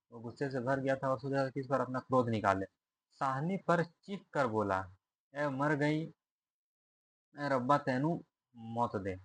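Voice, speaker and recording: A man with a mid-range voice, recorded without any room sound, teaches Hindi literature for an exam. He reads a story aloud, then poses questions about it and answers them himself, repeating lines as he goes.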